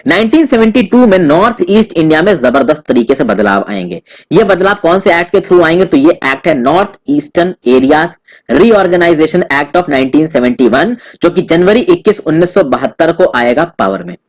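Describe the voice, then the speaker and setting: Chatty man with a fairly high voice lecturing. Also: lively intonation, fairly quick. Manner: addresses viewers as friends, mixes English terms, explains over a map. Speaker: exam tutor. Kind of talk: exam-prep lecture.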